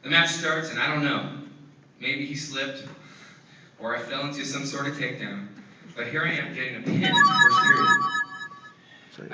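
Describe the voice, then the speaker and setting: A man's voice: medium pitch, sharp tone. A man, a former teammate, telling funny stories in a hall of fame speech and chuckling often as he goes. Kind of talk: humorous speech with anecdotes. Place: large hall at an induction event. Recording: echoey hall, voice from far off.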